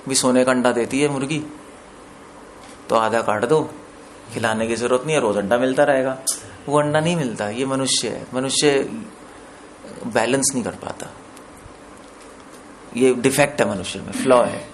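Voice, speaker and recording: A mid-range male voice moves at normal speed but leaves long pauses as he preaches on scripture. He explains the meaning of words step by step, tests listeners with questions, and uses some English, over a faint hiss or hum.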